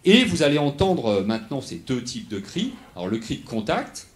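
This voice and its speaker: A man's voice: mid-range voice, huge pitch swings, normal speed. A man giving a lecture, explaining step by step, often restarting and checking in with the audience. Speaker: researcher giving a lecture on animal acoustics.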